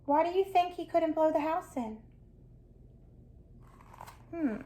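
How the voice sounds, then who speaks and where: A woman reading a children's picture book aloud, expressive and stopping to ask her listeners questions. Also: very high-pitched, slow pace. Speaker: storyteller.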